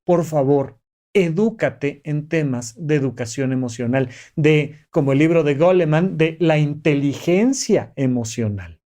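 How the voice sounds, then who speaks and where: A male podcast host speaks a little slowly, his voice on the high side with lively intonation and a dark tone. The motivational monologue is instructional: he enumerates steps and coaxes the listener with patient explanation.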